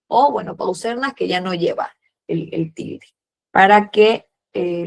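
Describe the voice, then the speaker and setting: Patient woman teaching history. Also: medium pitch. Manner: patient, fills pauses with "eh" and "a ver", uses diminutives. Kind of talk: classroom lesson, questioning students.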